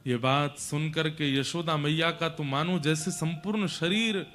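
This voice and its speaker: Guy telling a devotional story, high bright voice, dramatic, soft music behind. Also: measured pace. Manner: emotive, dramatic. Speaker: religious storyteller. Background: faint music.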